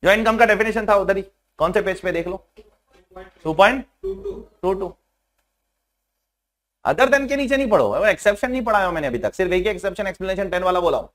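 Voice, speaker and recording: Young male tax lecturer with a high voice, animated, pushes students to respond, mixes in English terms. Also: fairly quick, long pauses. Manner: animated, keeps prodding students to answer. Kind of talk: classroom lecture. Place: classroom with online students joining.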